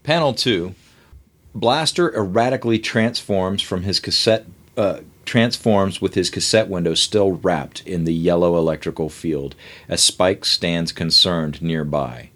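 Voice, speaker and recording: A man hosting and narrating, reading the panel directions of a comic script aloud briskly. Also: deep voice, fairly bright tone. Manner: brisk, reads panel directions, laughs between lines. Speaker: host and narrator.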